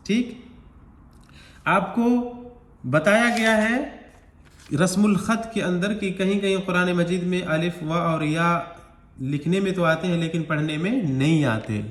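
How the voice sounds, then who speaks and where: In an echoey room, a man whose voice sits high teaches Quran recitation slowly and step by step, at a measured pace with frequent pauses. Each rule gets a patient explanation, and he stretches out the words as he recites them.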